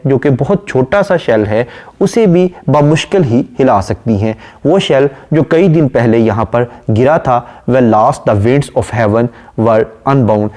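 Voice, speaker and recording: A man giving a literature lecture, reading quoted English verse slowly and then explaining each line. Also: mid-range voice, mellow.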